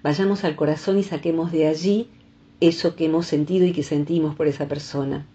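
A woman with a low, warm voice talks things through slowly and reflectively. She calls in to a radio show, and the line sounds dull and muffled. Her speech is gentle, and she explains with everyday examples. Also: steady tone. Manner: reflective, uses images and examples. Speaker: psychologist guest. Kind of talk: calm explanatory radio talk.

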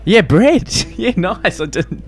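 A man's voice: high-pitched, big pitch swings, slow, slightly rough. A young man hosting a casual podcast quiz, chatty and laughing often. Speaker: podcast host reading quiz questions. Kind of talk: casual chat.

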